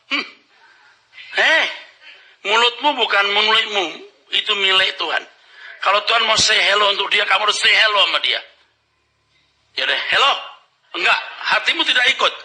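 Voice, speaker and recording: Pastor guy preaching casual-style, acts out little back-and-forths, super sharp bright voice. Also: sits high, a little fast, pauses often, poor audio. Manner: mixes in casual slang and English phrases. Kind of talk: sermon.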